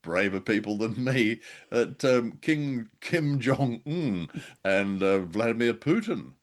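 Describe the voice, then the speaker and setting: A man with a medium-pitched, expressive voice speaks slowly as co-host of a laid-back show about an old radio drama. His manner is hesitant, wry and self-deprecating.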